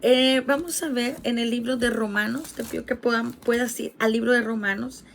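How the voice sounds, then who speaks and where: A woman's voice: on the high side, steady tone, moderate pace, creaky, slight background noise. A woman preaching a sermon, retelling a parable and reading scripture aloud, talking directly to viewers watching a video. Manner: earnest teaching, addresses viewers directly. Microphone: streamed video.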